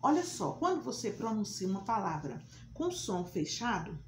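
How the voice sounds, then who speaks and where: Brazilian female primary teacher, deliberate repeated examples, roomy echo on the recording. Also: medium pitch, sing-song, a little mellow, a little hiss or hum. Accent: Brazilian Portuguese. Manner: slow, emphatic repetition of example words. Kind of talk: recorded remote class lesson. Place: room at a whiteboard.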